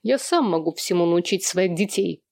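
A woman's voice: lowish voice, animated, moderate pace, gravelly, darkish tone, dry recording. A woman reading aloud and voicing a grown man, a father who teases his sister in a dry, mocking way.

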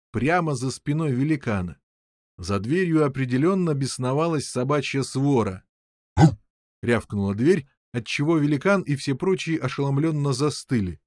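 A man narrating an audiobook with expressive storytelling. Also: on the high side, dry recording, clean studio sound. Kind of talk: scripted narration.

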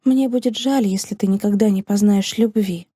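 A woman reading an audiobook, voicing a heartbroken woman teacher who speaks in a hushed, trembling but firm manner. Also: medium pitch, normal speed, husky, dry recording, studio quality, natural voice. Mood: sorrowful, resolute.

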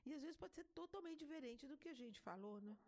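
A middle-aged woman with a notably high voice speaks as a guest on a talk program. She tells her stories in a lively, animated way, jumping into the voices of the people in them. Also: fast. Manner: animated storyteller acting out dialogue. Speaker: guest expert. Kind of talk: conversational radio talk.

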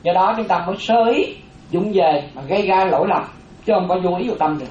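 A Buddhist monastic woman, giving a lively dharma talk and often asking the audience questions. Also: lowish voice, brisk. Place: hall with a seated audience. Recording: roomy, dull sound with faint audience.

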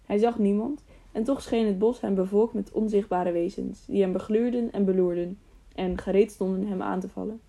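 A woman narrating an audiobook in a calm, measured storybook reading. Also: medium pitch, gravelly.

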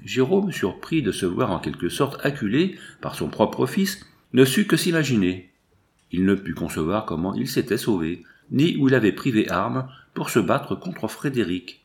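A man's voice: lowish voice, very animated, moderate pace, a little mellow. A man narrating a classic gothic novel as an audiobook, voicing the dialogue of each character himself. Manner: reads all the characters himself, voicing them lightly. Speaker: audiobook reader. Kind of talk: scripted narration.

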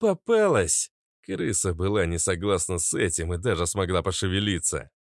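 A man narrating a fantasy audiobook in an even, measured reading. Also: sits low, gravelly, no room sound, clean studio sound. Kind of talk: scripted narration.

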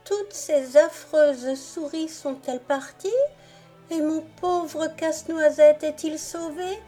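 A woman's voice: high voice, fairly even intonation, slow, dark tone, soft background music, pitched above the performer's own voice. A woman reading an audiobook voices a tender little girl, anxious, tearful and pleading.

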